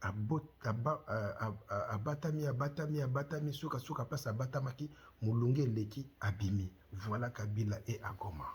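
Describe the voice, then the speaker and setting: A middle-aged man from the Congo runs his own channel and talks passionately to camera, his French marked by a Congolese accent. He keeps asking rhetorical questions in a medium-pitched, slightly rough voice at normal speed, with few pauses.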